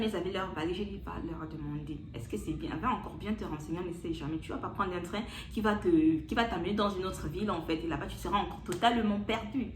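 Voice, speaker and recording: A young woman from Gabon, chatting casually as a vlogger and telling a story. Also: mid-range voice. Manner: chatty, repeats fillers like "donc, du coup" and "et tout". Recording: roomy sound with faint background noise.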